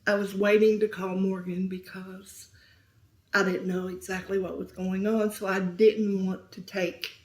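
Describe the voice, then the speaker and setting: A middle-aged woman telling a painful story as an interview guest, speaking softly and sometimes near a whisper. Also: medium pitch, little pitch movement, measured pace. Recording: roomy echo.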